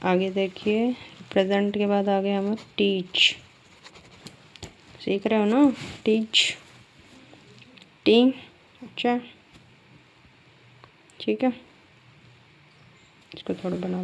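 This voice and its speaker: A woman's voice: medium pitch, steady tone, slow pace, creaky, pauses often. A woman teaching a shorthand lesson step by step, patiently asking her students questions and then answering them herself, drawing out words as she writes. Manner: drags out words while writing.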